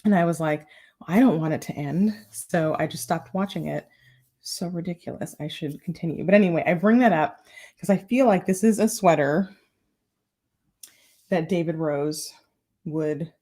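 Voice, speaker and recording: Woman, casual live-stream host, chatty, a little out of breath, fairly low voice. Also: moderate pace, pauses often, warm tone. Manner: chatty, playful, addresses viewers as y'all. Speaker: style vlogger hosting a live Q&A. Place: her home.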